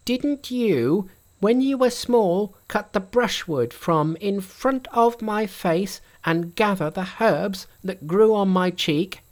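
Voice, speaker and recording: A man's voice: lively intonation, slow. A man voicing a boastful, cheeky male monkey sage with a raised, bold voice in a storybook reading. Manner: high, bold, teasing.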